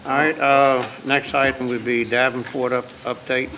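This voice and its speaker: A man's voice: medium pitch, flat delivery, normal speed, bright, forceful tone, slight background noise, rough recording. A man chairing a county board meeting in an easygoing, polite way.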